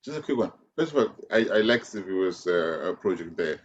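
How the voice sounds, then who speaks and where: A man's voice: deep voice, normal speed. Man on a dull, noisy call. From South Africa. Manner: animated, repeats phrases, thinks aloud. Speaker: panelist. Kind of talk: webinar panel discussion. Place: remote call from abroad.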